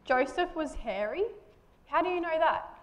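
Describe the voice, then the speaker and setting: A woman's voice: high voice, animated, moderate pace. A woman, patiently talking with a puppet in a children's church show. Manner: patient, gently correcting.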